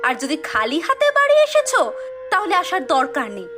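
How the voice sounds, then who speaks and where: A nagging woodcutter's wife. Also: female voice, very high-pitched, wildly swooping pitch, normal speed, heavily acted. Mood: bitter. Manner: nagging, sharp-tongued, scornful. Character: scolding poor woodcutter's young wife, bitter. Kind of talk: Bangla cartoon voice acting. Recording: music underneath.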